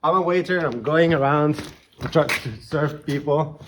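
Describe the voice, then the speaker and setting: A man's voice: fairly high pitch, normal speed, crowd noise. A man doing a casual, hands-on product review in an easygoing, joking way. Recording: roomy echo, background noise, clicks.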